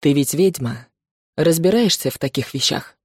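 A woman voicing a confident adult male werewolf in a storybook reading, self-assured and smooth. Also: sits low, lively intonation, moderate pace, a little mellow, no room sound, studio quality, exaggerated voice. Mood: curious.

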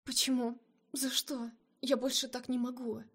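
A desperate young heroine pleads in a raised, emotional voice, pitched noticeably above the reader's own. A woman reader puts her on for an audiobook of a romance novel. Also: level tone, moderate pace, husky. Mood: pleading. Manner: pleading, emotional, breaking into cries.

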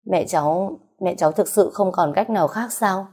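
A woman's voice: on the low side, moderate pace, mellow, slightly rough. Woman voicing Mỹ Duyên, an anxious young daughter. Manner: pleading, emotional.

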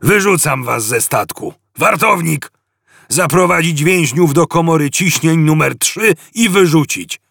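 Male reader as a grandiose, cruel alien captain, husky and slow. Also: fairly high pitch, lively intonation, a bit bright, no echo, clean studio sound, pitched above the performer's own voice, full character voice. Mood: declaiming. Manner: pompous, declaiming.

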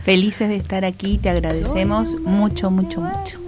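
A woman's voice: mid-range voice, moderate pace, over music. A woman in her forties, born in Chile and raised in Cuba, a guest singer chatting on a radio interview and laughing often. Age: 40s. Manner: laughs often, soft-spoken.

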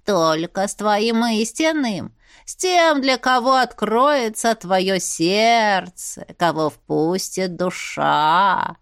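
A woman voicing a calm, wise male wolf familiar in a fantasy audiobook. He speaks slowly and draws his words out, almost singing them. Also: on the high side, dry recording, clean studio sound. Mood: chanting. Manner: slow, drawn-out, almost sung.

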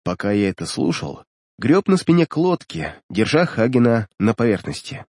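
Brief: male narrator, husky voice, lively pitch, dramatic first-person fantasy reading. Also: moderate pace, no room sound, studio quality. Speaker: audiobook narrator.

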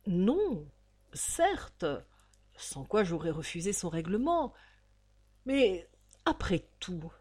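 A woman's voice: medium pitch, mellow. A woman voicing an insolent male scoundrel who speaks firmly and mockingly. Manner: firm, mocking.

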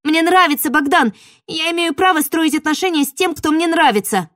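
A woman voicing a naive, flustered young sister in an audiobook, high and heated. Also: fairly quick, fairly bright tone, no echo, studio quality. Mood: shouting. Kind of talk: audiobook character voice.

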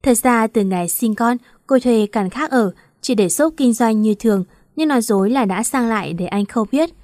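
A woman's voice: fairly high pitch, animated, normal speed, darkish tone, no room sound, studio quality. Woman narrating a romance audiobook.

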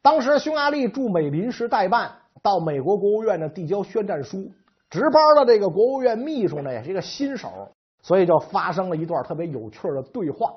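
A man's voice: high voice, very animated, fairly quick, husky. A man telling history in a colloquial, joking storyteller style. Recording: slightly dull lo-fi recording.

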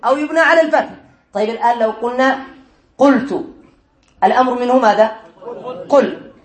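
A male teacher giving a classroom lesson on Arabic morphology, reading a text aloud, explaining it, and quizzing his students. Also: very high-pitched. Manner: quizzes the class, answers his own questions. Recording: echoey room.

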